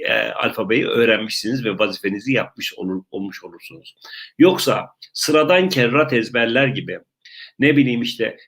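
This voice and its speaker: A man's voice: mid-range voice, fairly bright tone. A man with a Turkish accent teaching an online English lesson for beginners, repeating himself and speaking straight to his viewers as friends. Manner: repetitive, addresses viewers as friends.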